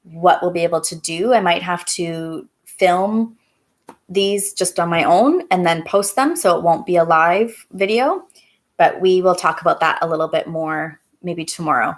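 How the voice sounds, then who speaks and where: A woman teacher reading a story aloud on a live stream, then chatting with her viewers in a halting, casual way. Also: on the low side.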